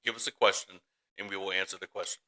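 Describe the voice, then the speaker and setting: This podcast co-host chats casually with his brother, spinning rambling stories, laughing frequently and acting out voices. His low voice sounds pushed and bright, with fairly even intonation and a fast pace, on a low-quality recording.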